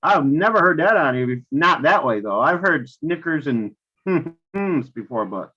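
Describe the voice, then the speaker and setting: Chatty low-voiced American woman, dull audio. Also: expressive, a little slow, sharp tone, slightly rough. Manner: folksy, chatty. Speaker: co-host of a live spirit box session. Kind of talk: casual live stream chat.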